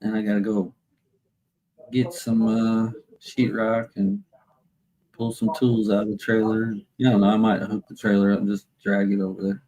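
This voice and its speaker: Mellow-voiced man in rambling chat. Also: on the low side, moderate pace, muffled recording. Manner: relaxed, rambling, slangy. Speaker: stream host. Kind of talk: casual chat.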